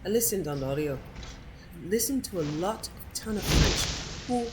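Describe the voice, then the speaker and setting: A woman's voice: medium pitch, lively intonation, moderate pace. An American woman from New Jersey giving chatty, salty-tongued casual commentary over a game playthrough. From New Jersey, United States. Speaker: gamer recording a playthrough. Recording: game ambience and noise behind.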